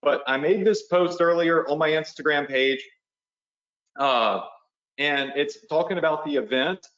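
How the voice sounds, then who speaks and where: A man whose voice is on the high side and a bit bright talks a little slowly as he leads a casual live training, stopping often to check in with viewers. He has the hiccups, and the sound is roomy and muffled.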